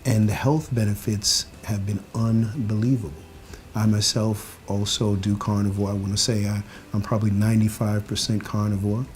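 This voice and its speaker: A man's voice: fairly low pitch, level tone, moderate pace, darkish tone, slight background noise. A man hosting a nutrition series, talking enthusiastically with hesitant fillers. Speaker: series host. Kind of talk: promotional interview.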